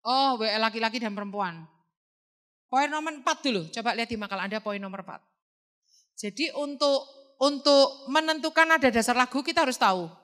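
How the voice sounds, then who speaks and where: A woman teaching a music class, singing solfege examples between brisk explanations. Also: fairly high pitch, sharp tone.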